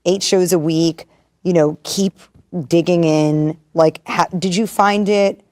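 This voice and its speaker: Woman asking stuff real slow, lowish voice, dry sound. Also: fairly even intonation, darkish tone, dry recording. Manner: slow, searching questions. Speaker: interviewer.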